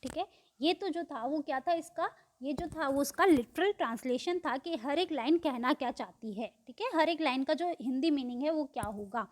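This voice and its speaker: A woman teacher with a voice that sits high takes a poem line by line. She slowly reads the English, explains it in Hindi, and works through questions she both asks and answers.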